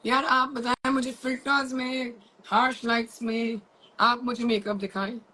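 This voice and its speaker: A middle-aged woman with an Indian accent, chatting live with her followers from a room at home, mixing Hindi and English with rushed asides. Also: on the high side, flat delivery, pushed and bright, low-quality recording. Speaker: makeup artist and academy owner. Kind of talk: live-stream chat to followers.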